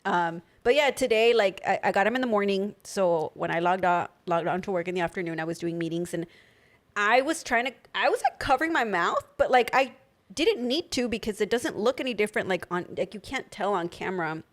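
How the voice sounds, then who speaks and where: A woman's voice: mid-range voice, a little fast. A young woman co-hosting a podcast in casual chat, talking with a slight lisp from new dental aligners and lots of filler words. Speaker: podcast co-host.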